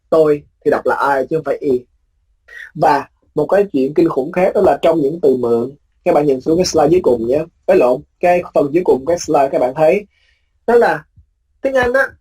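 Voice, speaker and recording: A male teacher giving a recorded lecture, explaining patiently, repeating key points and drawing out example words slowly. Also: on the high side, darkish tone, husky, low-quality recording.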